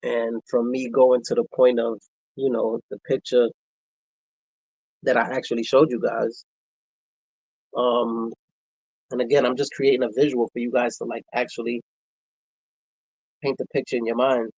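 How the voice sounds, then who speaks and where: Husky-voiced man telling his story. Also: medium pitch, little pitch movement, a little mellow, no room sound, lo-fi sound. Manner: reflective, halting, many fillers. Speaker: vlogger. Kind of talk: personal storytelling.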